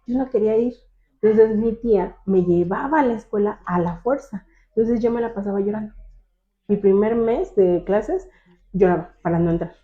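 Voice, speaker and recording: Animated young woman over a phone line. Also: mid-range voice. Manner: animated, acts out quoted voices of teachers and family. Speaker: guest. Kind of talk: personal storytelling in an interview.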